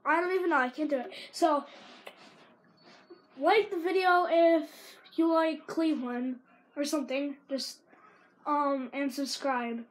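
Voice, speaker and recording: A teen girl with a sore throat casually rambles through video game commentary, with sudden excited shouts at plays. Her high voice is a little slow with frequent pauses, and the audio is poor.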